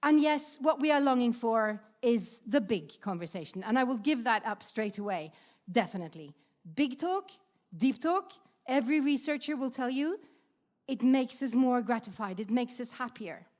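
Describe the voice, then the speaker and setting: A woman's voice: on the high side, normal speed. Chatty woman giving a talk. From Norway. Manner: lively, chatty, with many fillers and asides to the audience. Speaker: speaker. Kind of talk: conference talk. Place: stage before a live audience.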